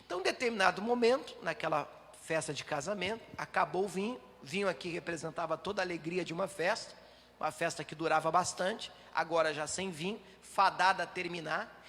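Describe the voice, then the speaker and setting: A man's voice: sits high, fairly quick, a bit bright, long reverb tail. A man preaching a sermon as pastor, emphatic and addressing the congregation directly.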